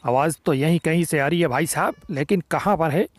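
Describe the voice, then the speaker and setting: A young man hosting a gaming channel, giving excited, teasing gameplay commentary full of playful taunts. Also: a little high, a little fast.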